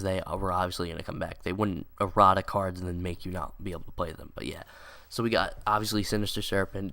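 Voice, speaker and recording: A young man who makes card game videos speaks in a low, slightly bright voice, stuffed up from a cold. His casual commentary rambles, packed with "like" and "um."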